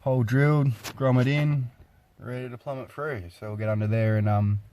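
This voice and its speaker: A man talks through a hands-on job in a laid-back, plain-spoken way. His voice sits at a middle pitch. He sounds like a casual DIY vlogger, with some light noise behind him. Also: fairly even intonation, brisk. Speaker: host of a DIY car video.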